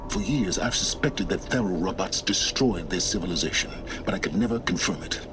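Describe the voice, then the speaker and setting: An actor playing an aloof, impatient middle-aged scholar of ruins in a video game, measured and condescending. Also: male voice, low-pitched, over music, lightly acted. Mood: stern, lecturing. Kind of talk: dramatic video game acting.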